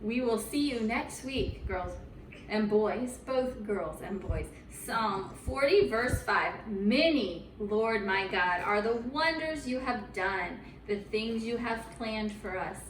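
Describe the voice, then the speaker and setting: A woman with a medium-pitched voice and lively intonation speaks slowly, teaching children a Bible story through simple, encouraging words and dramatic emphasis, in animated storytelling and chat. The recording is roomy, distant-miked, and a bit noisy.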